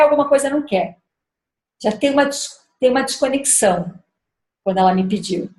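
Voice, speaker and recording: A woman's voice: on the high side, darkish tone. Reflective woman in an echoey room. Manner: thoughtful, searching for words, many restarts. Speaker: speaker at a parenting gathering. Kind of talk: reflective talk with personal story.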